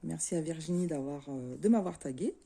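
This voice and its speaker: A middle-aged woman from France, a craft vlogger chatting casually to her viewers in a relaxed, easygoing way with many fillers. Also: low-pitched, fairly quick, vocal fry. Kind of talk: casual chat to camera.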